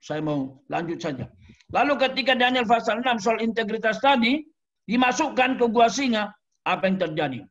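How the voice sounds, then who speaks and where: A man's voice: high voice, expressive, moderate pace, fairly bright tone. A man preaching a sermon as pastor, emotional and exclamatory, addressing the audience directly. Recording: dull lo-fi sound.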